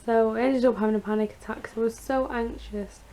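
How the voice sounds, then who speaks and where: A woman with a croaky, creaky voice after surgery, chatting casually in a rambling, confiding personal vlog update. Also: on the high side, steady tone, a little fast, warm tone. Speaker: vlogger.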